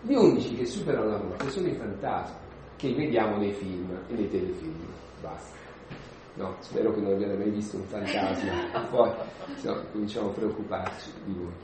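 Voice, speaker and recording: A man giving an informal homily, conversational and lively, acting out the voices of the people in the story. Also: on the low side, moderate pace, a little hiss or hum. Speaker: preacher. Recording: echoey room.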